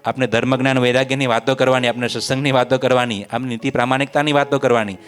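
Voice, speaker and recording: A man's voice: mid-range voice, steady tone, fast talker, a bit bright, clear, resonant tone, natural voice. A man voicing a revered male spiritual master who firmly scolds a disciple. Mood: admonishing.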